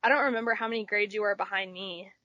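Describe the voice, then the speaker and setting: A woman in her twenties from Texas, a podcast guest telling stories in an animated way, filling with "like" often. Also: mid-range voice, fast, dry recording, dull audio. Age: 20s. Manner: animated storyteller, says "like" a lot. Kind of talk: casual chat.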